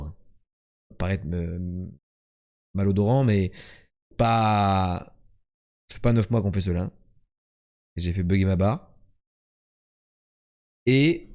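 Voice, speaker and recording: A young Frenchman streams word and geography games, joking, boasting, and chatting with his viewers in casual live commentary. His voice is medium-pitched and a little mellow.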